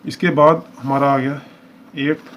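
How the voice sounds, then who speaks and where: A man's voice: mid-range voice, little pitch movement, unhurried, fairly bright tone. A man teaching a shorthand lesson, explaining each step patiently and repeating examples as he works through them. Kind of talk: lesson walkthrough. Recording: dull lo-fi recording with faint hiss.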